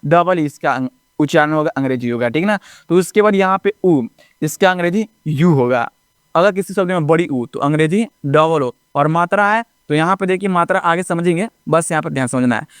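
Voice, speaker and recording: High, smooth-voiced male teacher. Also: animated, no room sound, studio quality. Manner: repetitive, keeps checking with "ठीक ना?" and addressing viewers as friends; drawn-out letter-by-letter recitation. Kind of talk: classroom-style lesson narration.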